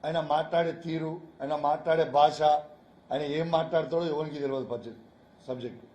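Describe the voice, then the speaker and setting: A man's voice: fairly high pitch, steady tone, brisk, a little mellow, roomy sound. A man from making a heated, angry press conference speech, firing off repeated rhetorical questions and insults.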